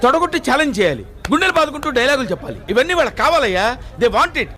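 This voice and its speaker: A man's voice: very high voice, sing-song, rapid-fire, pushed and bright, full character voice. An actor playing a sarcastic, scolding man in a film clip. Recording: music behind.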